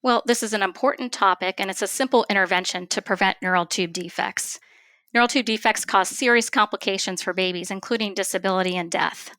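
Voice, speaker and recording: In a dry recording, a woman with a pushed, bright mid-range voice speaks as an expert doctor being interviewed. Her explanations are careful, formal and exact.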